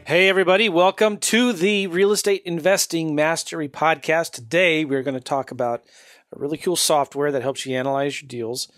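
A man's voice: on the high side, steady tone, fairly quick, a bit bright. A man hosting a podcast, upbeat and chatty, often laughing as he talks. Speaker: podcast host. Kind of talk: casual interview chat.

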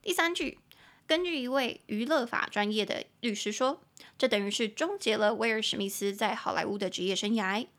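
A young woman hosts a casual language-lesson podcast, chatting freely and then slowing down to spell words and model English sentences. Her voice is bright and clear and sits a little high. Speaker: podcast host teaching English.

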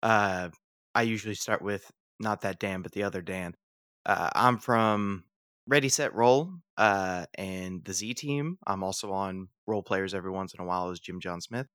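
Guy at a tabletop game, lowish bright voice, hesitant. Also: moderate pace, no room sound, studio quality. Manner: hesitant, with many fillers. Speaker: player. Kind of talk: casual chat.

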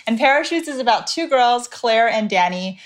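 A woman's voice: a little high, lively intonation, normal speed. Upbeat woman author introducing herself. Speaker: author and panelist. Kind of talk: casual panel discussion.

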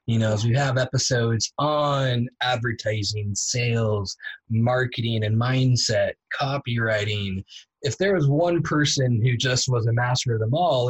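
A husky man hosts a casual podcast interview. He rambles and restarts his sentences, winding through long questions. His voice sits at a middle pitch. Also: low-quality recording. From United States. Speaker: podcast host.

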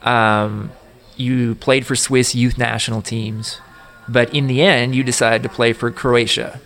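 An American man interviewing a footballer, asking prepared questions in a measured way. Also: medium pitch, little pitch movement, fairly bright tone. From United States.

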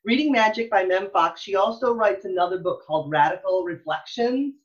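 An enthusiastic middle-aged American woman from Texas, an elementary school librarian, talks fairly quickly in an interview. Her voice is mid-range, she's earnest and emphatic, repeating phrases often, and the recording has its highs cut off.

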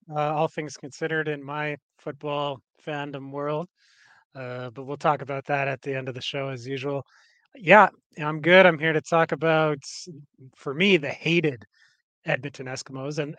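Rambling Canadian podcast host, dry close mic. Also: male voice, on the high side, moderate pace, fairly bright tone, dry recording. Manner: rambling, many fillers and restarts. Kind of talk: casual podcast chat.

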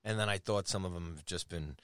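A man's voice: low voice, quick pace, a bit bright, clean tone, no room sound, studio quality. A middle-aged man co-hosting a podcast, chatting casually in an easygoing, rambling, teasing way. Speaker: podcast co-host. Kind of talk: casual chat.

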